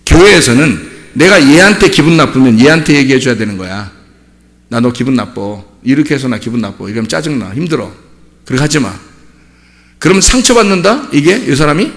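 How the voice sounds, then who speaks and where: A man preaching a sermon as pastor, swinging from quiet, conversational asides to loud shouting. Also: on the high side, vocal fry. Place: church sanctuary. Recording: long hall reverb.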